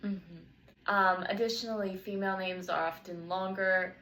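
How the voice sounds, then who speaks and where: A woman's voice: mid-range voice, fairly even intonation, a little slow, fairly bright tone, a little hiss or hum, rough recording. A young woman, a student, interviewing a partner and carefully reading prepared questions and explanations from notes.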